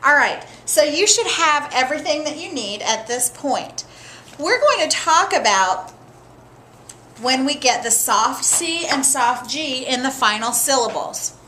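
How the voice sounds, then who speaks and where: Slow, patient woman teaching phonics. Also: high voice, expressive, pushed and bright, slight background noise. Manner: slow, patient, clearly sounding out letters and words. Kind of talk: recorded phonics lesson for children.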